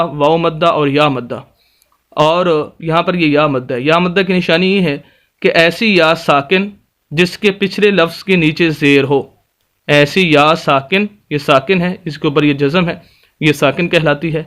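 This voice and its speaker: A man teaching Quran reading in a step-by-step recitation lesson, patiently explaining and then slowly spelling out letters and vowel marks. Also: on the high side, a bit bright. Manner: patient explanatory tone, addresses viewers politely.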